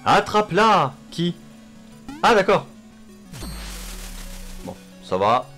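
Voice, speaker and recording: A man's voice: medium pitch, sing-song, normal speed. A man giving casual gameplay commentary, with sweary, self-mocking asides. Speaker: gamer commentating a playthrough. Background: game music.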